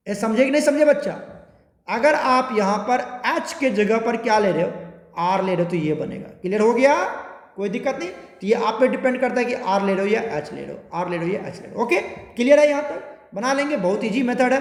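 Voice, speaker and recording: Male chemistry teacher, very high voice, quizzes students nonstop, lecture in a reverberant hall. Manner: questioning students constantly, repetitive, drawn-out spelling. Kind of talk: classroom lecture. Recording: echoey room with long reverb.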